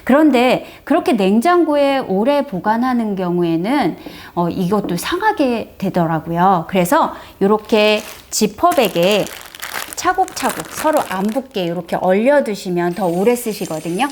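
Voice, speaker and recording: A woman's voice: medium pitch, animated, unhurried, darkish tone, a little hiss or hum. A middle-aged woman chatting through a step-by-step home demonstration, friendly and explanatory, presenting for a brace clinic. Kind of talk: casual how-to demonstration.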